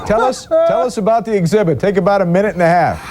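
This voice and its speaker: A man's voice: sits high, expressive, fast talker, heavy background noise. A man co-anchoring a morning show, ad-libbing live banter while stifling giggles.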